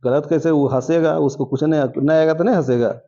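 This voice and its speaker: A man's voice: a little high, steady tone, brisk, dark tone, muffled recording. A man teaching a classroom lecture, drilling sounds aloud and quizzing his students. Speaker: coaching teacher.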